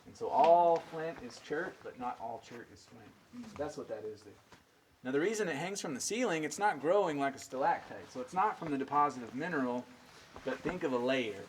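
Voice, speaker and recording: A man's voice: fairly high pitch, animated, brisk. Echoing cave guide, folksy man heard from afar. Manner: folksy, addresses listeners directly. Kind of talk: informal guided tour talk, explaining. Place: inside a large cave. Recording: echoey cave, distant mic, faint noise.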